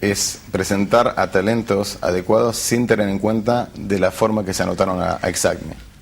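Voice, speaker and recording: A man's voice: lowish voice, steady tone, normal speed, vocal fry, slight background noise. A man, a tech company founder who hesitates and restarts often as he searches for words in a TV interview. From Argentina. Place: television studio.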